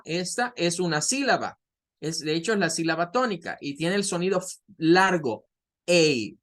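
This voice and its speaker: A man teaching an introductory English class, who explains patiently and models sounds slowly. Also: on the high side, fairly bright tone. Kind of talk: online class lecture.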